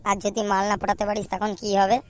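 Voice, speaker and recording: A woman voicing a teasing, foul-mouthed young man in a cartoon, loud and mocking. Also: medium pitch, little pitch movement, fast, lightly acted. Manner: loud mocking banter with swearing. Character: mocking young male friend, crude and teasing. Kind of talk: cartoon voice acting.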